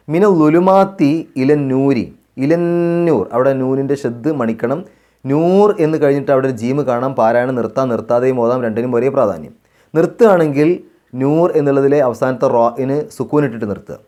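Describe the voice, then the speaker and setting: Man teaching Quran recitation, slow and chanting. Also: mid-range voice. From Kerala, India. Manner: slow, drawn-out chanted recitation of verses, then calm step-by-step explanation; repeats phrases to model pronunciation. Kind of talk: tajweed recitation lesson.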